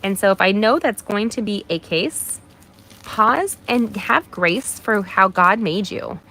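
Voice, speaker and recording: On a rough recording, a woman works through a live card-making demonstration at a slow pace, her medium-pitched voice lively in its intonation. Mild allergies make her sound slightly nasal as she warmly cheers on her livestream viewers, addressing them by name.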